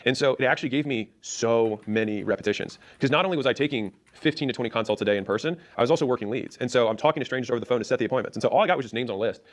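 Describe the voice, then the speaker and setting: A man telling his own story in an animated, chatty way, with quick self-mocking asides. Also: mid-range voice.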